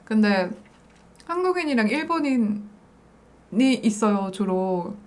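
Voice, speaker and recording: A woman's voice: medium pitch, big pitch swings, measured pace. A woman from South Korea chats casually and playfully to viewers as the host of an eating show. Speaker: mukbang host.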